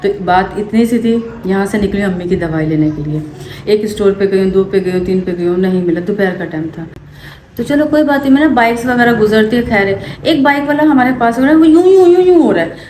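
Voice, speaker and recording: A young woman from Pakistan, telling a story to camera for her family vlog in an animated way. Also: on the high side. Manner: animated, quick to act out what happened. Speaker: family vlogger. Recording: echoey room with faint ambient noise.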